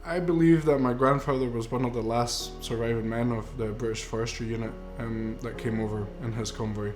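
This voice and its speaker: Narrating a documentary, a Mexican-raised filmmaker in his twenties recounts his grandfather's story, earnest and reflective with some fillers. His medium-pitched voice has a darkish tone, fairly even intonation and a fairly quick pace, over music in a roomy space.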